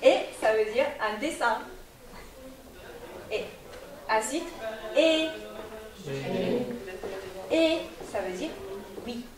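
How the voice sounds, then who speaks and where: Slow, high-voiced woman teaching a class. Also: animated, a crowd in the background. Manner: slow, repeats words for the class to echo. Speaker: Japanese language teacher. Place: festival hall with audience. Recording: echoey hall from far off, audience.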